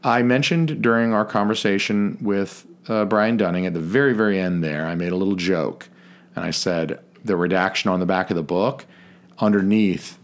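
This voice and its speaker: A man co-hosting a podcast, speaking in a measured, mock-formal way that breaks into casual swearing. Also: low-pitched. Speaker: podcast co-host.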